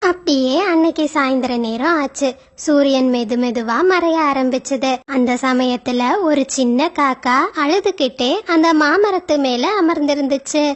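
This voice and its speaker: A woman narrating a cartoon story for children in a steady storytelling manner. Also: high-pitched, a little slow.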